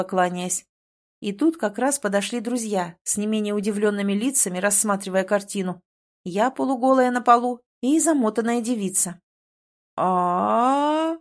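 A woman narrates a first-person audiobook with a lively, wry delivery. Her pitch is middling and her reading stays brisk and expressive.

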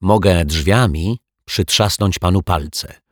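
A man's voice: sits low, takes it slowly, no echo, studio quality. A man voicing a curious, cheeky young girl in a children's audiobook, making blunt offers.

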